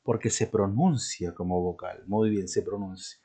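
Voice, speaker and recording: A man's voice: deep voice, fairly even intonation, moderate pace, warm tone, breathy edge. Male teacher, grammar lesson, asks and answers his own questions, frequent tag questions, points at examples. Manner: checks in often with short tag questions; points to something he is showing as he talks. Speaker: language teacher.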